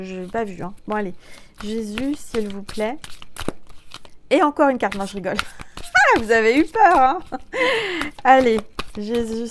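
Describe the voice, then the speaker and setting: A woman giving a chatty tarot reading to her viewers, playful and exclamatory, who drops to a hushed tone when she calls on the cards. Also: medium pitch, a little hiss or hum. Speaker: tarot card reader.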